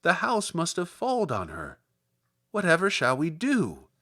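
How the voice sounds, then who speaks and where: A man voicing an innocent young farm girl, in a raised, gentle and hesitant voice, as an audiobook character. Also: fairly high pitch, wildly swooping pitch, a little slow, dry recording, clean studio sound, exaggerated voice. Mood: dismayed.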